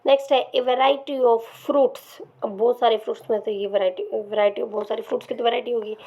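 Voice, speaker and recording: A woman teaching English grammar to exam students, explaining patiently and checking in often, sometimes dropping to a soft murmur. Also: a little high, fairly even intonation, brisk, a little hiss or hum. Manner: explains patiently with many repeated "ठीक है" checks. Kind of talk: Hindi-language grammar lesson with slides.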